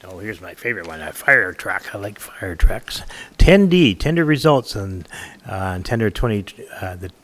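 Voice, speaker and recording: Male mayor, lowish voice, folksy and joking while running a council meeting. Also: very animated, normal speed. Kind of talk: chairing a public meeting. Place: council chamber.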